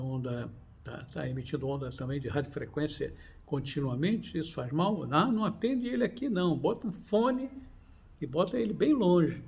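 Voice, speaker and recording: A man, talking casually to his viewers, animated and digressive, full of restarts and fillers. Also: high voice, gravelly. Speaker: channel host. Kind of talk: casual talk to camera.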